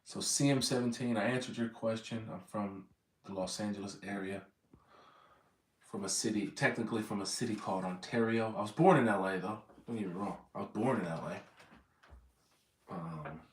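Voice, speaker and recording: A thirties-aged vlogger from Southern California rambles casually to his viewers, often correcting himself along the way. His voice is fairly low and his speed normal. The sound is echoey, with the mic placed at a distance.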